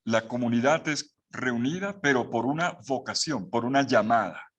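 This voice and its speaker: A man's voice: medium pitch, lively intonation, moderate pace, husky. Man teaching a Bible course. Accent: Latin American Spanish. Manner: explanatory, with rhetorical questions and restarts.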